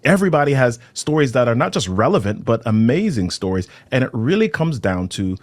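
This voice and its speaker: Brisk, animated man in a dry room. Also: mid-range voice, no room sound. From Jamaica. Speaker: podcast guest, storytelling speaker. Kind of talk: conversational interview.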